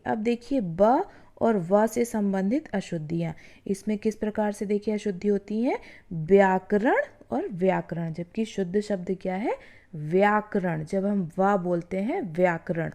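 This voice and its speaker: A woman teacher walks schoolchildren through common spelling errors, slowly drawing out each example word and pausing to check they follow. Her voice is mellow and warm, at a middle pitch. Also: vocal fry. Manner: drawn-out demonstration of words, frequent "है ना" and "ठीक है"; addresses the students directly as children. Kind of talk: classroom lesson explaining spelling errors.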